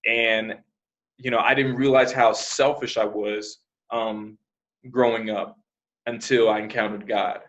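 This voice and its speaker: A man from New Jersey, raised in Arizona, talks as a podcast guest. His voice sits a little low and wanders through his thoughts with plenty of "you know" fillers. The recording is dull and muffled. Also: a little slow. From born in New Jersey, raised in Arizona. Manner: relaxed, rambling, with many "you know" fillers. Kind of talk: casual interview.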